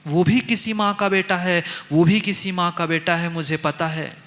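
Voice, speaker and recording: A man's voice: fairly high pitch, normal speed, fairly bright tone, big-room sound, close to an everyday voice. A man preaching acts out a grieving queen mother who begs for an enemy's son to be spared, repeating her pleas insistently. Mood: pleading. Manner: pleading, insistent repetitions.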